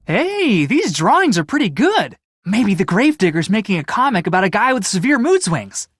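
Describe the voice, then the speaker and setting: An actress playing a quirky, quick-witted young heroine in a video game, with a wry, cheeky manner. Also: female voice, mid-range voice, sing-song, dry recording, studio quality. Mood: wry, amused. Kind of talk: video game character acting.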